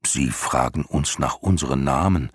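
A man voicing a calm, wise dragon in an audiobook, speaking low and measured, sometimes hushed. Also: slightly rough, dry recording, clean studio sound. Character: calm wise luck dragon, listening and translating.

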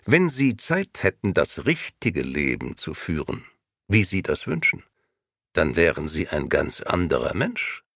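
A man voicing a cold, persuasive grey male agent who talks in a clipped, insistent sales pitch. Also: wildly swooping pitch, measured pace, vocal fry, fairly bright tone, dry recording, studio quality, exaggerated voice. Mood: coldly persuasive.

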